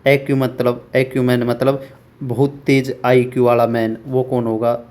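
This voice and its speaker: A man teaching English vocabulary for exams, repeating words slowly and asking rhetorical questions. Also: mid-range voice, little pitch movement, a little mellow. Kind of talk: exam-prep vocabulary lesson.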